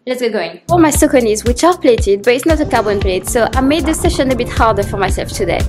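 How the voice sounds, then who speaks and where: A woman's voice: fairly high pitch, expressive, fast, over music. A woman vlogging outdoors while running, out of breath as she talks. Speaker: vlogger, amateur runner.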